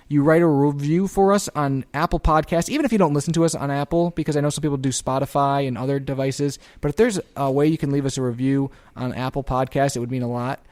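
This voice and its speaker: This is a man co-hosting a casual podcast, his voice sitting a little high for a man. He chats in an upbeat way, laughing often and doubling back on his words. It sounds close to a podcast microphone. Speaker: podcast co-host.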